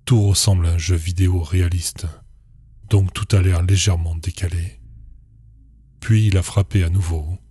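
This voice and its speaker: A man narrates a creepy first-person tale in a calm, measured, somber way. His voice is very low and dark, and exceptionally clear and smooth. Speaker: horror story narrator. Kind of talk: scripted horror narration.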